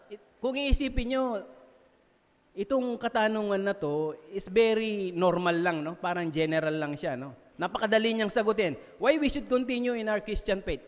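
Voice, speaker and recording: A Filipino man preaching a sermon in a church, lively and joking, laughing at himself and often checking in with his listeners. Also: high-pitched. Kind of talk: sermon mixing Tagalog and English. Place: church hall. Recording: long reverb of a church hall.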